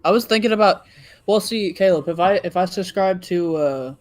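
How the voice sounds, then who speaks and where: Man, fairly high voice, close dry sound, casual podcast chat, hesitant slang. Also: moderate pace, no room sound. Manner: slangy, hesitant, says dude often. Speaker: podcast co-host.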